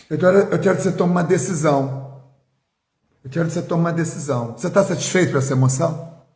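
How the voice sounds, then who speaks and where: Leading a guided tapping session on a live stream, a male therapist calmly walks through each step and slowly repeats affirmations, his slightly high voice carrying a roomy sound.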